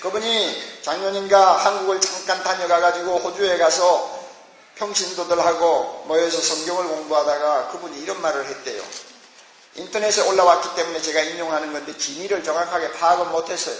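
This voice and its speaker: A man's voice: fairly high pitch, fairly even intonation, fairly quick, fairly bright tone, slight background noise. A man preaching a sermon as pastor, emphatic, with rhetorical questions and exclamations, in a large church hall. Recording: echoey church hall with long reverb.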